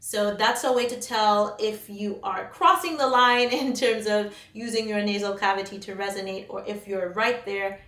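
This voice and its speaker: A woman vocal coach explaining singing warm-ups step by step, patient and instructive. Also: medium pitch, fairly even intonation, moderate pace, few pauses. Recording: roomy sound, mic at a distance. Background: faint piano.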